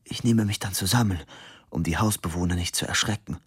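A man's voice: sits low, fairly quick, breathy edge, no room sound, clean studio sound. A man voicing a resigned, rambling old male inventor in a storybook reading, with a wry, musing manner.

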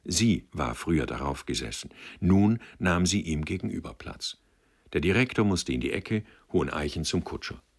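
A male audiobook narrator reads a literary novel in a measured, expressive way. His voice is very deep with a gravelly fry and a husky edge, and the pitch moves widely as he tells the story.

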